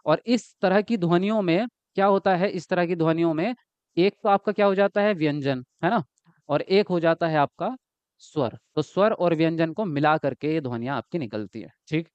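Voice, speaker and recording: A man teaching an exam-prep class online, lively and repetitive, often checking whether his students follow. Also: fairly high pitch, moderate pace, smooth, no echo, lo-fi sound. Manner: lively, repeats words and asks students if they follow.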